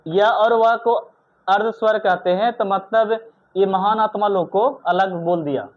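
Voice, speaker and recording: A man's voice: sits high, a little slow. Stern man drilling a class, tinny sound. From India. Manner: stern, drills students with repeated questions and scolds. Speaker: teacher. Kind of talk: classroom grammar lesson. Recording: tinny phone-like recording.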